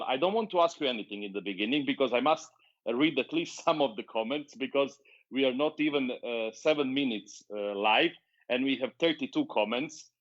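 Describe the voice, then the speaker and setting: A man hosting a live-streamed interview, speaking in halting full of fillers and restarts, reading viewer comments aloud. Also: medium pitch. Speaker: interview show host. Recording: dull lo-fi stream audio.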